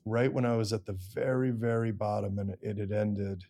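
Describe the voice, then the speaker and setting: With a dark tone and a voice on the low side, a middle-aged man with an American accent speaks steadily at normal speed. He's a songwriter and producer appearing as an interview guest, relating his story candidly and self-deprecatingly.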